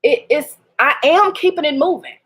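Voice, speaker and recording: A woman's voice: high-pitched, lively intonation, normal speed. Hurt, candid woman. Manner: candid and hurt, with rueful laughs and repeated restarts. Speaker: vlogger. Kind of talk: emotional personal vlog.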